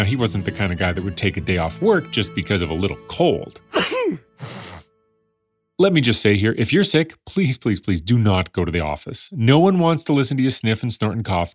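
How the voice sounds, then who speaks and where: A man's voice: on the low side, very animated, normal speed, soft background music. A man narrating a scripted story in a conversational way, with wry asides to the listener. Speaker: podcast narrator.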